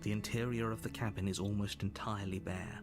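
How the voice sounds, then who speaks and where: An actor playing a grave, commanding male narrator in a video game, speaking in a measured, solemn way. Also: lowish voice, steady tone, close to an everyday voice. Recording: music behind the voice.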